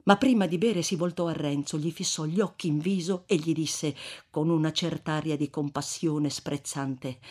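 Measured, expressive audiobook reader. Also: medium pitch. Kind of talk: literary narration.

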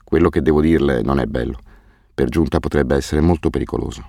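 A man voicing a weary, guilt-ridden orphanage director who speaks haltingly and turns bitterly defensive. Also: very deep voice, gravelly, warm tone, no room sound, studio quality, heavily acted. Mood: grave, ashamed.

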